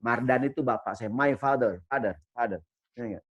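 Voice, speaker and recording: Guy teaching islamic study class, jokey storyteller, always asking the crowd "right?", mid pitch, dry sound. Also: moderate pace, dry recording, muffled recording. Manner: lively, joking storyteller who keeps asking the audience. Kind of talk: religious study lecture.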